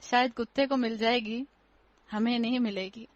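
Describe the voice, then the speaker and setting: A Quran teacher gives a patient religious lecture, using rhetorical questions and wry humor and slipping English words in. Her voice is fairly high and steady, recorded lo-fi with no echo.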